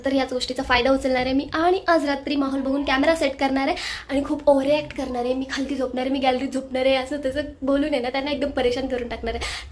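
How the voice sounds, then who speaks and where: A woman hosting her own prank vlog, chatting casually to viewers and snapping sulkily at her husband in their bedroom at night. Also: high-pitched. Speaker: prank video host. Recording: echoey room, mic set at a distance.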